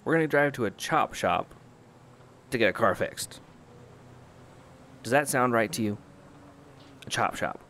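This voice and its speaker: A man's voice: mid-range voice, expressive, measured pace, long pauses, fairly bright tone, a little hiss or hum. A man giving casual gameplay commentary, rambling and chatty, often breaking off his own sentences. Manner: rambling, chatty, self-interrupting.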